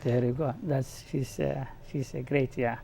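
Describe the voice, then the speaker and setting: Male community-show host, gravelly, halting delivery. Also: medium pitch, fairly even intonation, dark tone. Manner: halting, many fillers. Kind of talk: community interview. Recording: faint background noise.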